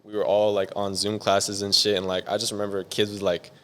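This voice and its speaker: Laid-back young man rambling with a smooth voice. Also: on the low side, fairly quick. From San Diego, USA. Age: young adult. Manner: relaxed, rambling, heavy on "like". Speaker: music producer guest. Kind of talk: casual interview chat.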